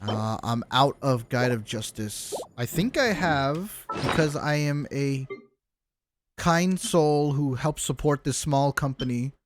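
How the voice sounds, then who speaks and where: Over video game music and sounds, a man with a medium-pitched voice gives casual, joking livestream commentary, talking to his chat and swearing now and then. The background is noisy.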